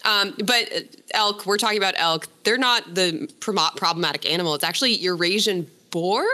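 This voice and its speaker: Bright-voiced chatty woman. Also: lowish voice, fairly quick. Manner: chatty, self-correcting, laughs often. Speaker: co-host presenting a story. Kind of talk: casual podcast chat.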